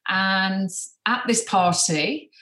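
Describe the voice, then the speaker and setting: A woman's voice: mid-range voice, very slow, pushed and bright, reverberant, slight background noise, rough recording. A woman in her fifties from the English Midlands, a guest in a podcast interview, chatty and hesitant with many ums. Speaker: guest, beauty brand founder.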